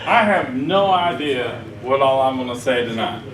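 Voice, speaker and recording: A conference speaker from Arkansas with a Southern accent gives a rambling, folksy sermon talk in a conference hall, chuckling at his own jokes. His medium-pitched voice has lively intonation at normal speed, with a crowd in the background. The room is echoey and the mic sounds distant.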